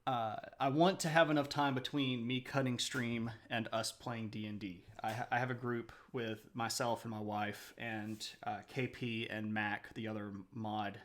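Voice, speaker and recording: A man's voice: mid-range voice, little pitch movement, normal speed, hardly any pauses, fairly bright tone. A man hosting a live stream, chatting casually with viewers, answering their messages aloud and laughing often. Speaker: livestream host.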